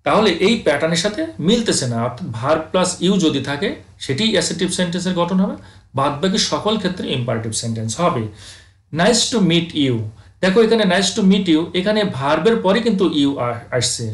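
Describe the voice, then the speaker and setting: A man teaching English grammar over slides, asking his students questions and answering them himself, reading the English examples out slowly. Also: on the high side, roomy sound. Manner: addresses students as dear friends, asks and answers own questions; reads English examples slowly, then explains.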